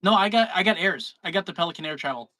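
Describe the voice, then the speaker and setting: Chill guy on a stream, bright voice, short comments. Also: high voice, expressive, fast, no room sound. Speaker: live stream co-host. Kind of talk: casual chat. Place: indoors, a shed workshop.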